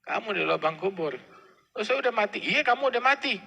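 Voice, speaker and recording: A man's voice: high-pitched, lively intonation, a little fast, vocal fry, bright, forceful tone, slightly rough, big-room sound, voice pushed up, exaggerated voice. A man voicing a brusque male angel in the grave, talking bluntly in style speech. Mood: incredulous. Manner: casual, blunt, street-style talk.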